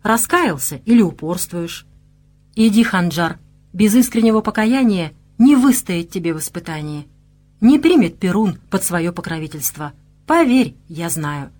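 An old male bear, a Cossack chieftain, lectures in a stern and weighty way, as a woman narrator puts him on. He sounds sure of his wisdom and keeps his speech measured. The audiobook reading stays clear and plain. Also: on the low side, expressive, a little mellow. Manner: instructive, grave.

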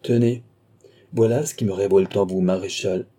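A man's voice: low-pitched, steady tone, normal speed, warm tone. A man voicing a capricious, spoiled young countess, speaking with a petulant, raised voice. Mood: irritated.

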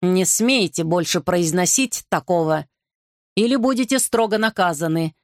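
A woman's voice: fairly low pitch, measured pace, a little mellow, no room sound, studio quality, natural voice. Woman reading as a stern, growling king. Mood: threatening. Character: commanding stern male king.

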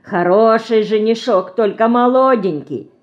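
A woman reading an audiobook, voicing an earnest village girl with Ukrainian-tinged rural speech who lectures slowly and solemnly. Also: fairly high pitch, animated, dull audio, voice pushed up. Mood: pleading. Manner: slow, solemn, folksy lecturing.

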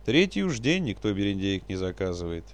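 A man's voice: sits low, very animated, a little fast. A man reading a story aloud and voicing a sulky, grumbling male craftsman. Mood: grumpy.

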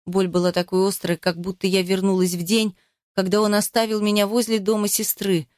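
A woman reads a first-person novel aloud, putting strong feeling into the narration. Her voice sits at a middle pitch, and the recording is dry, with no room echo. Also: brisk. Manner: emotional, expressive reading. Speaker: audiobook narrator.

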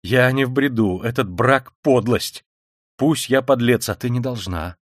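A man's voice: mid-range voice, expressive, moderate pace, dry recording, clean studio sound, lightly acted. Raskolnikov, a man doing a feverish irritable young man. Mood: commanding. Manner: irritable, clipped, insistent.

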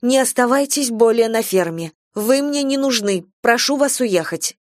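A woman's voice: mid-range voice, expressive, moderate pace, dry recording, studio quality, natural voice. A woman doing a proud, fiery young farm mistress. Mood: indignant. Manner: heated, insistent.

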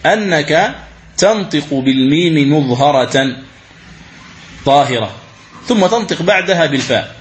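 A man teaching the rules of Quran recitation, asking questions and answering them himself, and chanting verses slowly as examples. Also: a little high, expressive. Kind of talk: religious lesson commentary.

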